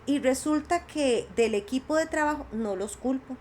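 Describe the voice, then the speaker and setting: A woman's voice: high voice, normal speed, a little mellow, slight background noise. A woman, a podcast guest and doctor, telling a personal story with feeling and acting out the voices of others. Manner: vivid retelling, acts out quoted voices.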